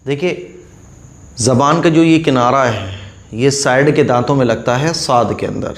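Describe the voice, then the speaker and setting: A man's voice: medium pitch, unhurried. A man teaching Quran reading step by step, patiently drilling each letter and repeating the rule. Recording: echoey room.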